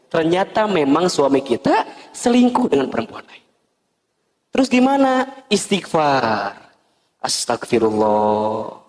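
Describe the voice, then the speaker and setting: A man's voice: high-pitched, moderate pace, long pauses. A man with a Sundanese accent preaching a sermon, telling stories and acting out dialogues. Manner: animated storytelling, acting out dialogues. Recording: echoey hall with long reverb.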